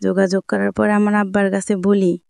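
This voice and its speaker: Telling her life story as a guest, a young woman with a colloquial Dhaka-area Bangladeshi Bengali accent speaks plainly, repeating herself and rambling. Her medium-pitched voice is flat, brisk and darkish with vocal fry, and there's no room sound.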